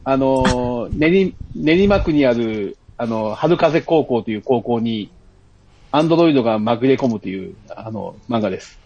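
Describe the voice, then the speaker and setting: A man's voice: medium pitch, lively intonation, normal speed, creaky, darkish tone, muffled recording, slight background noise. A man chatting as a podcast guest, explaining casually and searching for his words.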